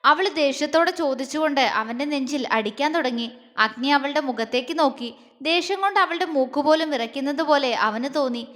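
A woman storyteller narrating a scripted romance story in a steady, expressive reading voice. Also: high voice, a little fast. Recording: long reverb.

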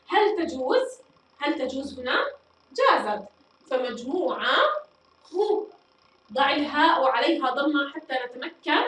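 Woman schoolteacher, high pitch, patient, drawn-out explaining. Recorded far off in a very reverberant room with light background noise. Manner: slow, deliberate explaining, repeats and stretches words; addresses pupils warmly, praises them. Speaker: fifth-grade Arabic teacher. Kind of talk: recorded classroom lesson. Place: echoey school studio room. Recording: very echoey room, voice far from mic, faint noise.

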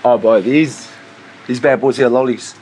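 An interviewed barber in his thirties, speaking with a New Zealand accent, keeps things playful and slangy with lots of "man" and "bro." His mid-range voice is unhurried and darkish. The low-quality recording, made in a small convenience store, has slight hiss or hum and music behind him.

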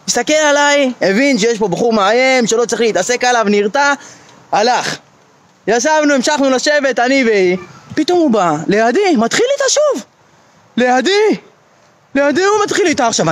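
A man with a very high-pitched voice delivers a comic monologue. He tells his story in an excitable way, breaking into mock-panicked outbursts. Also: dry recording. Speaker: comedian.

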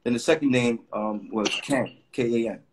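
The guest, a middle-aged graffiti artist from Puerto Rico, chats on a video call webcam, telling rambling stories littered with fillers. His voice is husky and medium-pitched at normal speed, and the audio is poor.

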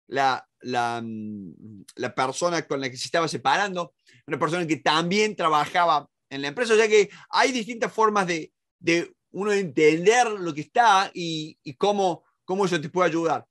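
A man's voice: a little high, normal speed, a bit bright. A middle-aged man gives a spoken lesson on negotiation, talking conversationally with many rhetorical questions and restarts. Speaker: negotiation expert and instructor.

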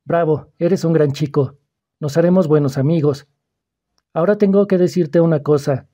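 A man reading the part of a calm, persuasive schoolboy who probes another boy's fears, in an audiobook. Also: fairly high pitch, moderate pace, close to an everyday voice. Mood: calm, probing. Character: calm, probing, mysterious older schoolboy.

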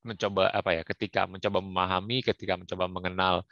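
A man's voice: low-pitched, flat delivery, fast, no echo. A young man giving career advice in a casual online talk, with frequent fillers and English career terms. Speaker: guest speaker. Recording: muffled, dry, lo-fi.

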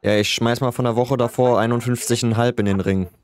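This man's mid-range voice holds a steady tone, moving a little fast and sounding slightly mellow. A streamer in a game roleplay, he plays a police officer and grumbles casually about his shifts.

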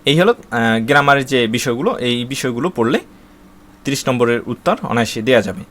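A Bangladeshi-accented man talks students through an exam syllabus at an average pitch. He moves item by item through long lists and fills the gaps with "uh" while he restarts words. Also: lively intonation, a little fast, a bit bright. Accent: Bangladeshi Bengali. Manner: reads out lists steadily, with frequent "uh" fillers and restarts. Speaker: teacher explaining an exam syllabus. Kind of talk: spoken lesson to students.

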